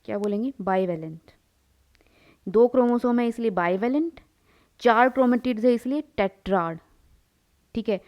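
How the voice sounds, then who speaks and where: With a fairly high voice at a moderate pace and long pauses, a young woman lectures on biology as she draws, over dull audio. She mixes English into Hindi, calls her students "beta," and answers her own questions.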